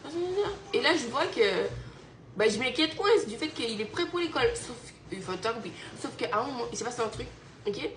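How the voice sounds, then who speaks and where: A young mother from Guadeloupe talks to a friend over a phone video call, her coming through as she chats with a fairly high, very animated voice. She tells her story with a lot of laughter and keeps checking in with her friend. The sound is roomy, with a clear echo from the room at home around her. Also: brisk, a little hiss or hum. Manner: animated, laughs often, keeps asking "you see?". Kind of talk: casual storytelling chat.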